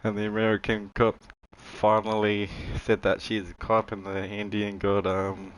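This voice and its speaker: A man's voice: lowish voice, completely flat delivery, moderate pace, clear, resonant tone, poor audio. A man streaming a racing game, chatting casually and joking with chuckles between his stories. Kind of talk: casual live-stream chat.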